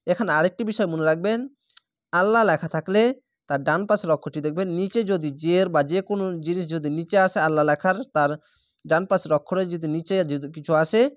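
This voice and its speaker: A man's voice: sits high, no echo, clean studio sound. Bengali-accented man teaching Quran reading. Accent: Bangladeshi Bengali. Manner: explains rules plainly, then chants slow drawn-out recitation examples. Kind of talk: spelled-out Quran recitation lesson.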